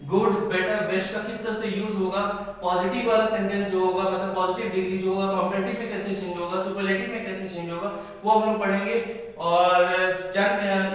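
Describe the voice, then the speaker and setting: In a classroom lesson, a man with a high, fairly bright voice teaches English grammar, explaining each rule step by step and often saying "ठीक है". He is captured from far off the mic, so the sound is strongly echoey with a long reverb.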